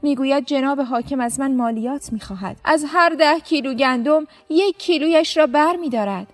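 A woman's voice: high voice, voice pushed up, close to an everyday voice. A woman voicing a poor old bearded farmer who humbly pleads with a governor. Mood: pleading.

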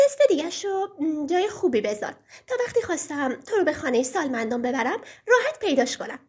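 A woman's voice: high-pitched, big pitch swings, pitched above the performer's own voice. A woman doing a sweet little girl. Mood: earnest. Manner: bright, earnest. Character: sweet clever little granddaughter.

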